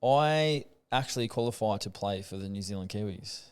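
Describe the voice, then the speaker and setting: Australian male podcast host, smooth clear tone, easygoing chatter. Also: lowish voice, normal speed. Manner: laid-back, chatty, says "um" and "mate" often. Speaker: rugby league player and podcast host. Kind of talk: casual chat about rugby.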